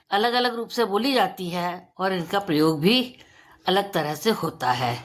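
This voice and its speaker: Slow, deliberate woman teaching Hindi sounds. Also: mid-range voice. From India. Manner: slow, deliberate, drawn-out example words. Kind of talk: Hindi pronunciation lesson for children.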